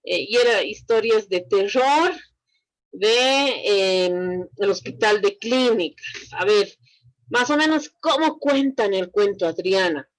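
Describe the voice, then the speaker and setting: A woman teaching a language class online, explaining slowly and often checking in with her students. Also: medium pitch, no room sound, rough recording. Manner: slow, explanatory, asks students frequent check questions.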